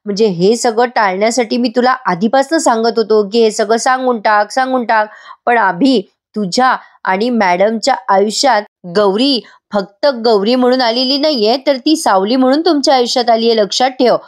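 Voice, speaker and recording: Woman voicing a frank, earnest male friend, insistent advice, fairly high voice. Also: moderate pace, close to an everyday voice. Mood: probing.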